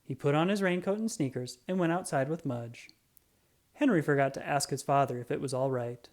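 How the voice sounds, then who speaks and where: The storybook reader speaks at medium pitch, narrating a children's story aloud in a carefully paced, expressive manner.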